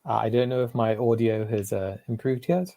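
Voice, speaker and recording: A man asking a question over a video call, halting and full of fillers. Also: mid-range voice, steady tone, dark tone, dry recording.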